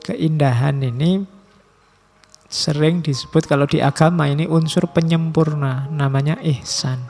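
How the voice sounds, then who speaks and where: A middle-aged man giving a philosophy lecture, measured and slowing down to stress key terms, with casual asides. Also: on the high side, steady tone, a little mellow, faint music behind.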